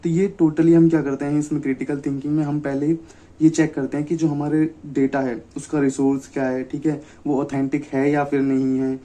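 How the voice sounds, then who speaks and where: A young man giving an exam-prep lecture, often asking himself questions and checking "okay?", reading English definitions slowly. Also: on the high side, flat delivery, dark tone. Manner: repeats "ठीक है" and rhetorical questions. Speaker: teacher.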